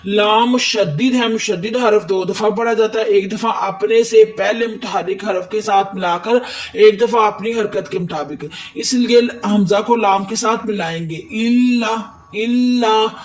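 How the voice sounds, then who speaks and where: A man with a high voice, heard from afar, teaches tajweed one rule at a time. He works methodically and patiently, saying words again slowly for practice.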